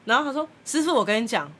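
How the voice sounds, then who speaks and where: Woman, podcast host, casual storytelling, rapid delivery, laughs a lot. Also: fairly high pitch, very animated, heavy background noise. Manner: brisk, laughs often while acting out quoted people.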